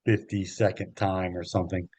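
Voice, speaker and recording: A man who works as a golf travel agent, talking in a relaxed, halting way with many ums as an interview guest. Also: low voice, no echo. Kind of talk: interview conversation. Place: Myrtle Beach area.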